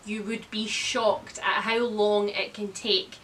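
A woman in her thirties hosts a casual book chat from a room lined with bookshelves, speaking slowly in a mid-range, fairly level voice with a bit of brightness. She's a blunt, wry reviewer who swears mildly, though the recording is rough with a little hiss or hum.

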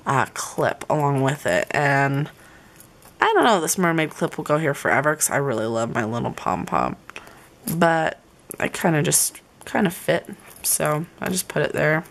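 A woman's voice: deep voice, animated, moderate pace, vocal fry. A young woman gushing over her planner supplies in a casual vlog. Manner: chatty, gushing, says "y'all". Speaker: planner vlogger. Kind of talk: casual show-and-tell vlog.

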